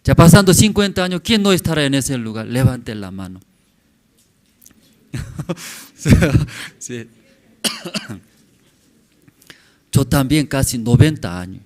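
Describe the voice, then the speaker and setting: A male pastor in his forties preaches to his church congregation at a deliberate, slow pace. His pitch swings widely as he builds his points in brief, simple phrases. He often pauses to ask the listeners a quick "mm?". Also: very animated, darkish tone. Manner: halting simple phrasing with frequent questioning "mm?" tags to the congregation. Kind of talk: sermon.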